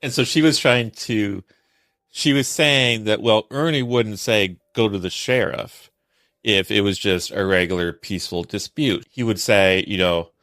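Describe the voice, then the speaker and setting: A man with a deep voice co-hosts a true-crime discussion. He recaps legal arguments conversationally. The recording is close and very dry. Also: a little slow, fairly bright tone, no echo. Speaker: podcast co-host.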